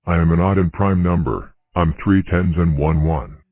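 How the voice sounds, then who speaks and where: A man voicing a deep-voiced cartoon number character in a fan cartoon, speaking in a slow, lively sing-song way. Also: muffled recording, natural voice. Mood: cheerful.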